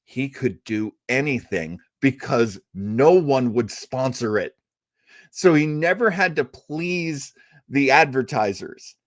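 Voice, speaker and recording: A man with a mid-range voice and lively intonation talks slowly, recorded cleanly in the studio with no room sound. Hosting a casual live stream, he rambles enthusiastically and acts out snippets of conversation.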